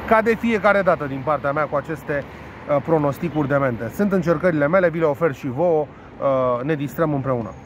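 A man's voice: a little high, a little hiss or hum. A man casually talking through the day's sports betting tips outdoors, joking crudely and playfully mangling foreign team names. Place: outdoors, caught in rain.

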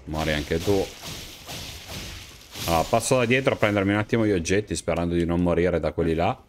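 A man's voice: deep voice, fairly quick. A young man giving casual, slangy and jokey gameplay commentary with plenty of crude swearing. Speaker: streamer playing a video game. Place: small room at home, webcam stream. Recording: clear steady background noise.

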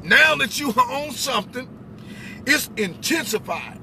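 A middle-aged American man gives an informal spiritual talk from inside a vehicle cab, his very high voice swinging widely in pitch at an unhurried pace. He is emphatic and instructive, often checking in with questions. The recording is very noisy, full of road, car, and outdoor sound.

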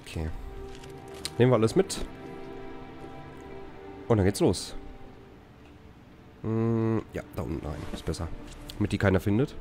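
A man's voice: lowish voice, expressive, a little slow, pauses often, warm tone, faint music behind. A man giving casual, colloquial let's play commentary, muttering reactions and reading game text aloud.

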